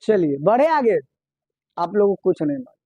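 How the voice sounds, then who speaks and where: A male English teacher leads a classroom vocabulary lesson in a high-pitched, sing-song voice at normal speed, asking the class questions, repeating their answers and spelling words out letter by letter. The lo-fi recording is dull and dry, with no room sound.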